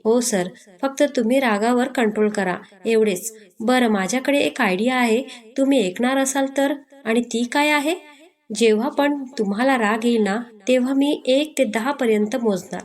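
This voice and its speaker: Lady reading as a soft earnest young woman, high-ish voice, gentle reasoning. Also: moderate pace, natural voice. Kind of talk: storybook reading.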